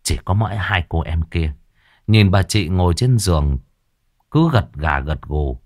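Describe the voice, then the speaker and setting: Lively lower-voiced male storyteller. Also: measured pace, no room sound, clean studio sound. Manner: lively, vivid telling with varied pitch. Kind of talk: horror story narration.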